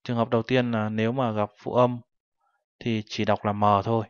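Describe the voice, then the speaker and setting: A man's voice: lowish voice, flat delivery, normal speed, clear, resonant tone, no room sound. A male teacher patiently explaining a textbook lesson and translating each phrase step by step. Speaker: Korean language teacher. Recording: dull lo-fi recording.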